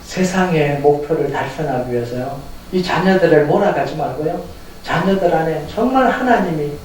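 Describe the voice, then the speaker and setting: Male pastor, high and animated, preaching in a very echoey sanctuary. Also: slight background noise. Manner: animated, talks straight to the congregation with rhetorical questions; chuckles through his points. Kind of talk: Sunday sermon. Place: church sanctuary. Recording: echoey hall heard from a distance.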